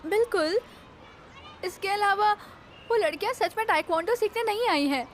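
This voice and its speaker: A woman's voice: high voice, animated, moderate pace, a little hiss or hum. A young woman voicing an indignant, scolding studio manager in a drama dub. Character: sharp-tongued young woman manager, protective.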